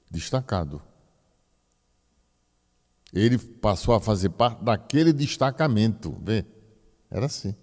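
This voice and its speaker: A man's voice: sits low, darkish tone. A priest giving a teaching talk to a group, explaining with folksy asides to his listeners. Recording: long hall reverb.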